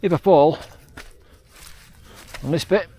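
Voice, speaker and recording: A man's voice: on the high side, slow, muffled recording. A British man vlogging casually while out running on open hills, talking in a wry, self-deprecating way with dry understatement. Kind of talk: casual vlog chat to camera. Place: outdoors on open moorland hills.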